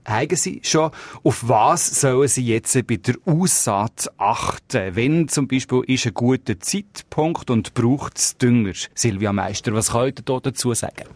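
A man's voice: medium pitch, measured pace, a little mellow, dry recording. A man with a Swiss German accent hosting a radio advice show, reading out listener questions in a chatty, joking manner. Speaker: radio host. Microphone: studio microphone.

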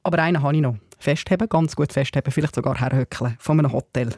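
Playful Swiss man, slightly high voice. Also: darkish tone, dry recording, clean studio sound. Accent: Swiss German. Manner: playful, jokey, drawn-out word examples. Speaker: co-host. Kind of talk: casual radio chat.

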